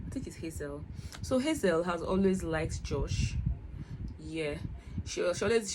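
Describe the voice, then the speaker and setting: A woman's voice: fairly low pitch, background noise. A young woman chatting casually about books she read, laughing often and trailing off mid-sentence before starting again. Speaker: book vlogger. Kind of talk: casual book review chat.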